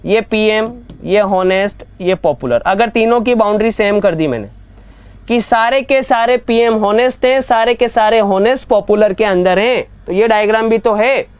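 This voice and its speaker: A man teaching an online reasoning class, often asking whether students have understood and reading statements out slowly. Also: high voice, smooth, dry recording. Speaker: exam coaching teacher.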